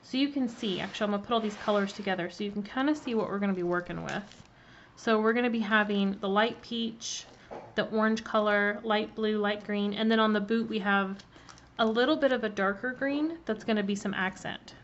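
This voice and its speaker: A friendly woman teaches cookie decorating in a casual live-stream demonstration, chatty and greeting viewers by name, with filler ums. Her mid-pitched voice runs a little fast, heard through a laptop mic with slightly muffled audio and a faint hiss.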